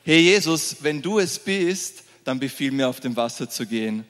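A man's voice: medium pitch, expressive, normal speed, a bit bright, close to an everyday voice. A man voicing a brash, eager male disciple who takes charge and then gets flustered, recorded in a reverberant hall. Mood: cocky.

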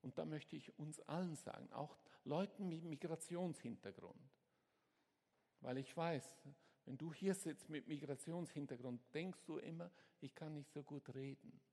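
Man preaching, slow and husky. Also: fairly high pitch, big-room sound. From Switzerland. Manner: swings between hushed and shouted exhortation. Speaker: pastor. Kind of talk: sermon.

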